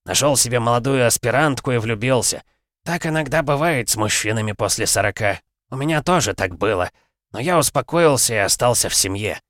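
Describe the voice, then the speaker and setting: A man's voice: medium pitch, expressive, a little fast, fairly bright tone, dry recording, clean studio sound, voice pushed up, close to an everyday voice. A man doing an exasperated old father-in-law. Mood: knowing. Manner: scolding, exasperated. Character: irritated older father-in-law, blunt and scolding. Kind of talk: audiobook narration.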